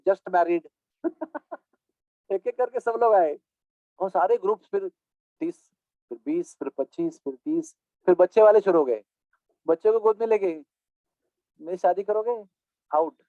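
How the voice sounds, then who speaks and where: A man giving a devotional storytelling discourse as a spiritual teacher, animated and playful, mixing in English phrases. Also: on the high side, no room sound. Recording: tinny phone-like dry sound.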